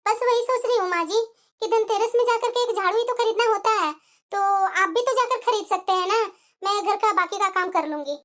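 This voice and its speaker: A woman's voice: very high-pitched, a little fast, fairly bright tone. A woman voicing a young, dutiful cartoon daughter-in-law who speaks politely. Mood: doubtful. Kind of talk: cartoon voice acting.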